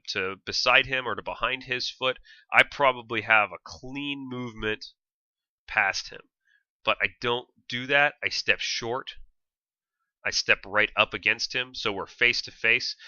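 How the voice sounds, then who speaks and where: A man giving casual explanatory video commentary on his own fencing footage, halting and thinking aloud step by step. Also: lowish voice, pushed and bright, no echo. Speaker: fencer reviewing own sparring footage. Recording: slightly dull, lo-fi, dry sound.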